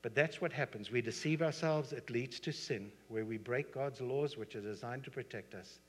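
A male pastor preaching a sermon, telling stories emphatically and swinging from soft to loud. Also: medium pitch, normal speed, a little hiss or hum. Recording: husky voice in long hall reverb.

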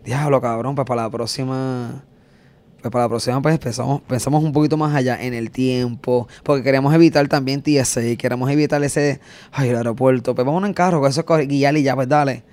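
Animated man telling a story. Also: medium pitch, brisk. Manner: animated, acts out scenes with sound effects. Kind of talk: casual storytelling chat.

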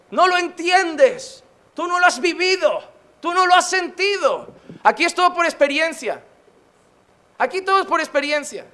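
High bright-voiced preaching man. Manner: impassioned, mixes humor and emphatic repetition. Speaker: pastor. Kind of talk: sermon.

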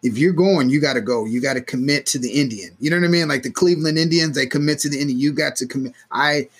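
Speaking fast in a medium-pitched, slightly rough voice, a man co-hosts a podcast, telling stories in a casual, animated way, with free swearing and acted-out quotes.

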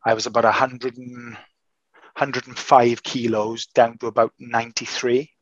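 A man's voice: mid-range voice, flat delivery, no echo. Hesitant man, dull dry sound. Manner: hesitant, halting with many restarts. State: recovering from illness, voice changed. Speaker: podcast host. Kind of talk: casual chat.

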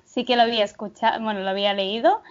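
Woman, interview host, enthusiastic, hesitant restarts, higher voice, lo-fi. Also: steady tone, quick pace. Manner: enthusiastic, hesitant, repeats words. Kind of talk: conversational interview. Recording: dull lo-fi sound.

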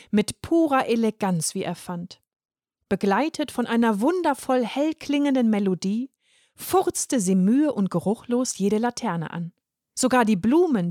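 A woman reading a humorous short story aloud in an expressive, playful narration. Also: mid-range voice, no echo, clean studio sound.

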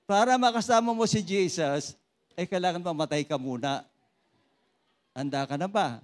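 A man preaching to a congregation, his voice pitched high for a man. He tells his testimony in an animated, joking way, calls for raised hands and slips between Tagalog and English. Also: normal speed. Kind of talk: sermon with personal testimony.

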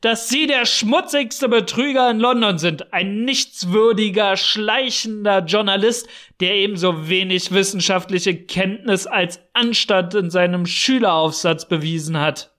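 A man's voice: sits high, moderate pace. A man voicing a short, explosive, arrogant older male scientist who blusters and sneers in an audiobook reading. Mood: raging. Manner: blustering and contemptuous, bursting into shouting.

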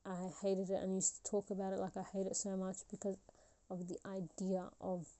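With a completely flat delivery, this twenty-something woman talks at a moderate pace in a warm, medium-pitched voice. She's musing on her own podcast, rambling with plenty of fillers and restarts.

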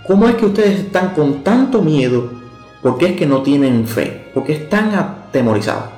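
A gentle, plain-spoken Jesus, as a preacher puts him on, talking to the storm and his scared friends as if to people. The voice sits a little high for a man. It rings in an echoey room with soft instrumental music underneath. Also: very animated, moderate pace. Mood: puzzled questioning. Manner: speaks in plain, friendly everyday words.

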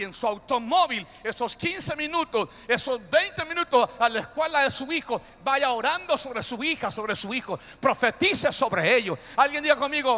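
A man's voice: very high-pitched, pushed and bright. A man preaching a sermon, leading the congregation in call-and-response and stretching out key phrases. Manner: call-and-response, drawn-out emphatic phrases, playful asides. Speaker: pastor. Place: church. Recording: reverberant church hall.

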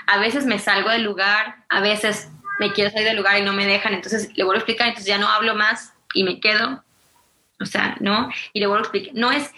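A woman speaks as a parenting expert, voicing little scenes between parent and child as she explains. Her voice is bright and forceful. The room around her rings with echo. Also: mid-range voice. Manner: animated, acts out quoted dialogue. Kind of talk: casual interview talk.

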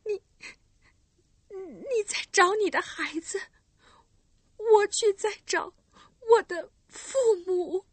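A woman voicing a frightened young girl who pleads tearfully in a high voice. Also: slow, long pauses, dry recording. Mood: tearful pleading.

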